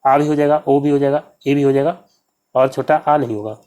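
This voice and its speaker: A man in a mid-pitched voice leads an exam-prep lesson. He steps through each practice question, explaining patiently and repeating the key terms. His way of talking is steady and instructional. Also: brisk. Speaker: Hindi exam tutor.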